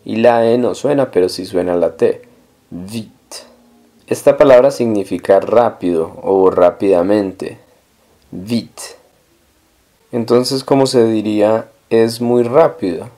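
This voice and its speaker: A man teaching a language lesson, explaining pronunciation step by step and repeating each example slowly. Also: fairly low pitch, dark tone. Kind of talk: slow, careful language lesson.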